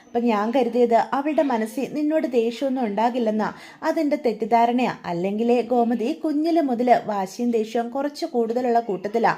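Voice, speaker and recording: A woman voicing a caring old grandmother who comforts and pleads gently. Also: fairly high pitch, brisk, natural voice. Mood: soothing. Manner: soothing and pleading.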